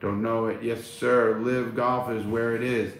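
In a measured, medium-pitched voice with little pitch movement, a middle-aged man reads his chat aloud during a casual livestream and responds bluntly, swearing as he goes. He's indoors in a small room at home, recorded on a phone at arm's length, and the room echoes faintly over light noise.

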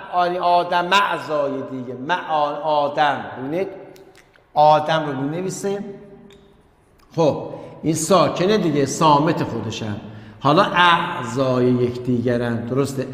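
In a slightly high, a bit bright voice, a male teacher delivers an online class lecture, repeating key words and repeatedly addressing his pupils directly. The room is echoey, and a long reverb trails each phrase.

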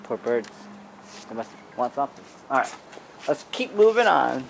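A man with a creaky voice chats casually for a travel vlog, his pitch moving around a lot. He rambles along in an easygoing way, recorded outdoors on a handheld camera with clear noise behind him. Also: sing-song, normal speed. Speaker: vlogger filming his trip. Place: outdoors at a park lake, on bridges and paths. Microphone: handheld camera mic, speaker behind the camera. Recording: noisy open-air camera recording.

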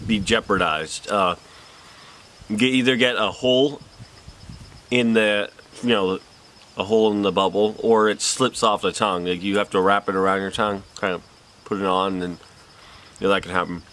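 A man's voice: on the low side, steady tone, normal speed, long pauses, a bit bright. A man chewing gum while he talks, rambling casually to the camera in a solo vlog. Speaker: vlogger.

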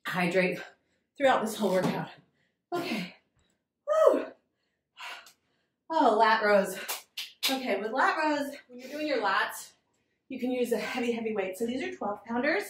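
A woman's voice: fairly high pitch, lively intonation, moderate pace, echoey room, recorded from a distance, background noise. A young adult woman leading a home workout in her garage, counting reps aloud, encouraging and out of breath. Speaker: fitness instructor.

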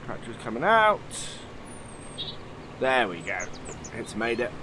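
Over clear game vehicle noise, a man hosting a let's play talks through a farming game in casual voice-over, thinking aloud with plenty of fillers. He speaks slowly but very animatedly in a mid-range voice that's slightly nasal from an oncoming cold.

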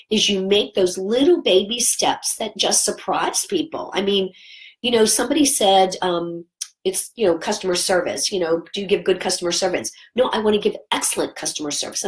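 A woman giving a sales training talk to direct sales consultants, chatty and energetic, often acting out what to say to customers. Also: mid-range voice, low-quality recording. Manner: energetic, acts out customer dialogues; chatty with many fillers.

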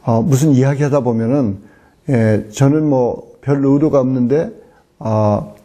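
A middle-aged man delivers a sermon in a loud voice that is very dark and mellow. His tone is husky and breathy, and his talk is full of pauses and fillers. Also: mid-range voice. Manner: hesitant, many fillers. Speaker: missionary preacher.

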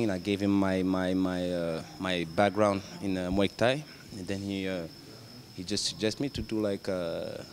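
A man's voice: on the low side, slight background noise. A man in his thirties from Senegal, raised in the UK and France, answering interview questions as a Muay Thai coach, earnest and hesitant with many fillers and restarts, into a handheld mic in an indoor gym. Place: indoor gym, in front of a banner. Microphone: handheld microphone.

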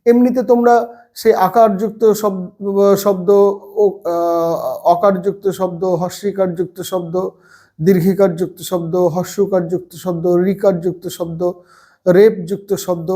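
A man, seated, teaches a children's reading lesson and reads out word lists slowly and patiently. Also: sits high, dark tone. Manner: slow, patient word-by-word drilling. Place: seated at a table.

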